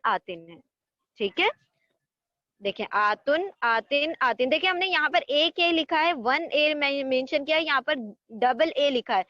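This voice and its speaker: High-voiced woman teaching grammar patiently. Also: pushed and bright, dry recording, muffled recording. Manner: patient, repeats word forms in drills. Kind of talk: online lesson explaining a table.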